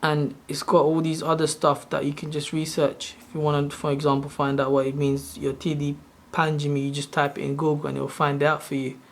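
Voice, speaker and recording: A man in his thirties, from Sri Lanka, walking viewers through a tutorial on his screen. His voice sits a little high for a man and stays flat, with little rise and fall. He wanders off track and corrects himself mid-sentence, like someone chatting casually rather than reading a script. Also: fairly quick, vocal fry, hardly any pauses, a little hiss or hum. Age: 30s. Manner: loose, rambling explanation with self-corrections. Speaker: channel host.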